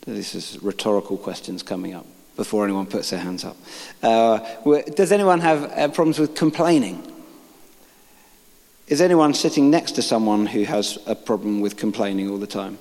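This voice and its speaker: A man's voice: lowish voice, steady tone, normal speed, a little mellow. A man giving an informal sermon, reading scripture aloud and making joking asides to the congregation. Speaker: preacher. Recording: long reverb of a large hall.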